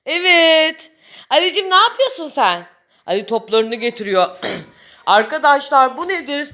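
A woman's voice: high-pitched, sing-song, unhurried, sharp tone. A young mother talking to her small children in a casual family vlog, coaxing and cooing at them.

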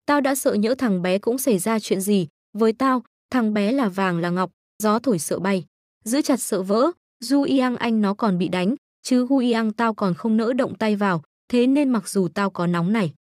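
A woman's voice: medium pitch, normal speed, darkish tone, no room sound, studio quality, natural voice. A woman voicing a furious older chairman, an overprotective father who scolds bluntly. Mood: scolding.

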